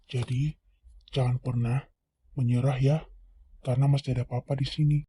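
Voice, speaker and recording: A man voicing a loving, remorseful father in a fan voice drama, speaking gently and soothingly. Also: mid-range voice, flat delivery, normal speed, slightly rough, no room sound, lightly acted. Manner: gentle, soothing, drops to whispers.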